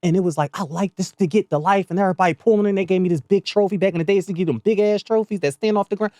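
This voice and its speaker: A woman's voice: mid-range voice, racing, warm tone, no echo, studio quality. A woman in her forties with a Philadelphia accent, chatting candidly and sassily as a podcast guest, laughing often. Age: 40s. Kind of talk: casual podcast chat.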